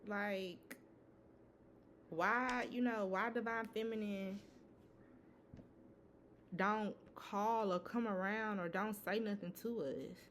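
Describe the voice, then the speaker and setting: A woman's voice: medium pitch, steady tone, slow, long pauses, a bit bright, a little hiss or hum. A woman giving a casual tarot reading, talking loosely with lots of "you know" and some swearing. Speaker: tarot reader.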